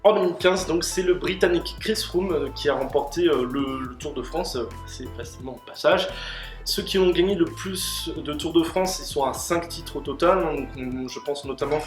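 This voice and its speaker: Slightly high and at a normal speed, this host answers cycling questions in a casual explanatory video. His long explanations are full of fillers and restarts, and the roomy room carries faint music.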